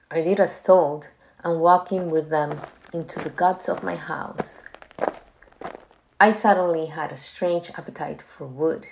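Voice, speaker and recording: A woman in her thirties, a podcast host reading a personal fairy-tale story in a calm, wry way. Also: fairly low pitch, creaky. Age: 30s.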